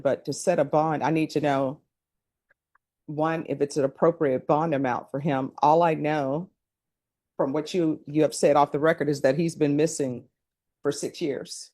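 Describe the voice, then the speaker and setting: A woman's voice: sits low, fairly even intonation, moderate pace, dark tone. A woman presiding over a court hearing as the judge, giving instructions and questioning counsel.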